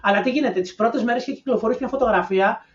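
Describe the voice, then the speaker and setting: A woman co-hosting a podcast in casual analytical chat, speculating and offering her ideas in a knowing tone. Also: fairly high pitch. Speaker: podcast co-host. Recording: distant, echoey, dull-sounding mic.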